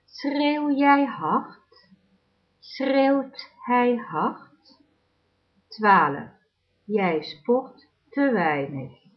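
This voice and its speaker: A woman reading numbered practice sentences aloud as a language teacher, in a deliberate drill style with long pauses. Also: fairly high pitch. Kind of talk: slow, clearly enunciated drill reading. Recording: dull lo-fi recording.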